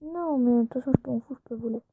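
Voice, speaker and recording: A woman's voice: sits high, fast talker, background noise. A woman YouTuber giving casual gameplay commentary, chatty and often dropping into whispered asides. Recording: tinny phone-like recording.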